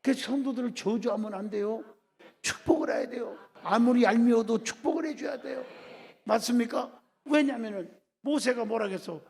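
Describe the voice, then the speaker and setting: A man's voice: extremely high pitch, normal speed, gravelly, darkish tone, husky. A man preaching a revival sermon as pastor, constantly asking the congregation to answer back. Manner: preaching with constant call-and-response questions to the congregation. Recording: echoey church hall.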